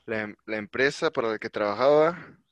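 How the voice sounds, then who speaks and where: A man's voice: medium pitch, fast talker, no echo, highs cut off. A man from Mexico with a Mexican accent, co-hosting a casual podcast, slangy and saying bro a lot. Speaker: podcast co-host. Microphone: remote call.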